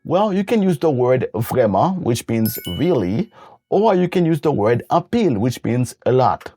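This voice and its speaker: Guy explaining phrases slowly step by step, mellow darker tone. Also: mid-range voice, big pitch swings, husky. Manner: patient, repeats examples step by step. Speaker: language teacher. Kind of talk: instructional explanation.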